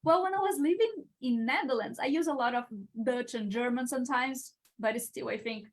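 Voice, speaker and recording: Appearing as a guest on a video call, an international engineering student from Brazil responds to live-stream Q&A questions. She's young, a Portuguese native speaking English in a slightly high voice. Hesitant and groping for words, she pauses often, says uh a lot, and keeps restarting her thoughts.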